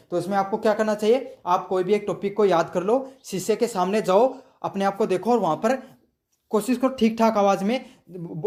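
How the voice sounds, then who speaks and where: A man's voice: sits high, a little mellow. A young male teacher giving an exam-prep lecture, asking his own questions, answering them and repeating answers for students to memorize, with English terms mixed in. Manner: mixes English terms into Hindi.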